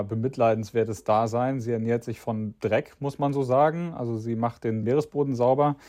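A man's voice: medium pitch, mellow, dry recording, studio quality. A man speaking as an expert in an interview, explaining things spontaneously in everyday words. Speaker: reef ecologist interviewed as expert.

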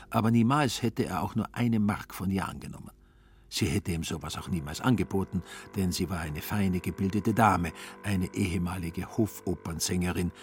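Male narrator, low voice, measured and ironic literary reading.

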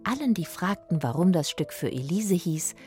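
A woman reading a children's story aloud, expressive and sometimes hushed. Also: on the low side, normal speed, faint music behind.

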